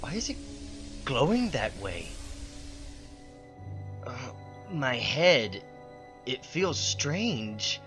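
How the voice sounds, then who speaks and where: An actor playing an earnest, bookish teenage boy in a hammy, melodramatic comic-book reading, halting and full of breathless wonder. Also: medium pitch, very animated, fairly bright tone, heavily acted. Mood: alarmed, dazed. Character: earnest bookish teenage boy, wounded, then awestruck by new powers. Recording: music bed behind the voice.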